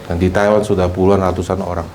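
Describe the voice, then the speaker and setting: Animated male pastor preaching to a congregation. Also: deep voice, fast, a little hiss or hum. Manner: mixes English phrases into preaching, calls out to the congregation; animated, acts out scenes like shouting for a medic. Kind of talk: sermon. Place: church hall. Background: congregation responding.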